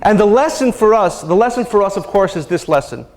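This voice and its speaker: A man's voice: high-pitched, lively intonation, fairly quick. A man teaching a spiritual seminar, telling a story and drawing a lesson, earnest and repeating phrases for emphasis. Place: lecture hall.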